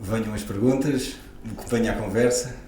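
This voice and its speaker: A guest osteopath in his forties from the Lisbon area speaks with a European Portuguese accent in a casual interview, reflective and full of hesitations. His lowish, warm voice moves at a moderate pace, recorded off-mic in an echoey room with faint ambience and slight background noise.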